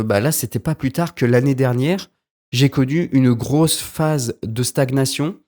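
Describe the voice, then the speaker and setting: A man's voice: mid-range voice, a little mellow. A young man hosting his own podcast in a casual, rambling monologue at home, restarting and correcting himself often. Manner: rambling, self-correcting, frequent hesitations. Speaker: podcast host. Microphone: desk podcast mic.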